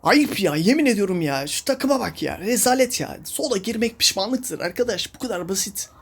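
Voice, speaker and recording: A man's voice: high voice, lively intonation, fairly quick, fairly bright tone, husky. A young man giving casual commentary while playing a mobile game, ranting in exasperation at his teammates.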